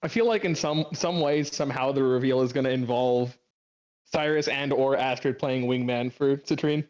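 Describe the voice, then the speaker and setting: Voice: mid-range voice, fairly even intonation, moderate pace, a little mellow, dull audio. A game master chatting casually with the players during a break, making wry, dry jokes.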